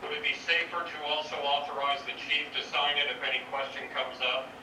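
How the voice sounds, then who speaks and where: Bright quiet man on a speakerphone. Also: a little high, steady tone, fairly quick. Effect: heard over a speakerphone. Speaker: board commissioner. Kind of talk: public board meeting. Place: meeting room, voice played through a speakerphone. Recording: distant echoey room with faint noise.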